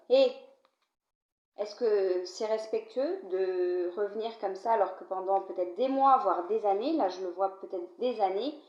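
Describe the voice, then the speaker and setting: Coughing from a cold, a card reader with a darkish tone does a tarot-style reading directly to camera. Her style is conversational, and she often asks the viewer "d'accord?". The audio is a dull, quiet home recording with a roomy feel.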